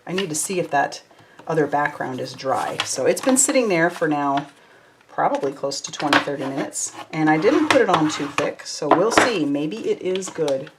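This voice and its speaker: Woman, lowish voice, chatty live craft host greeting viewers by name. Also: expressive, moderate pace, very noisy. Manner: chatty, reads out viewer comments, warm and effusive. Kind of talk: casual live chat while crafting.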